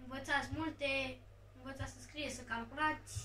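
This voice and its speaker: Excitable high-voiced gamer, echoey room. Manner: excitable, cries out at goals. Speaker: gaming YouTuber. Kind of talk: casual gameplay commentary. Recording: echoey room, distant mic, faint hum.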